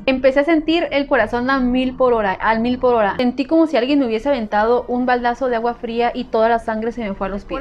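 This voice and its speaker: A woman telling a personal story to her viewers, emphatic and repeating her phrases. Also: fairly high pitch. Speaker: vlogger. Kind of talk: storytime narration.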